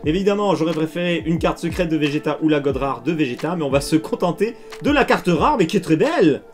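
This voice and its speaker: A chatty, excitable man with a fairly high voice talks straight to his viewers as he opens trading card packs. His commentary is casual, and soft music plays faintly underneath. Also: fast talker. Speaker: card unboxing youtuber.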